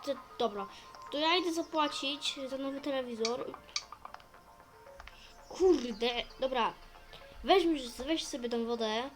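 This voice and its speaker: A woman chatting in character as she plays a role-play story, narrating her own actions with sudden excitable outbursts. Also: high-pitched, slow pace, long pauses, music in the background, poor audio.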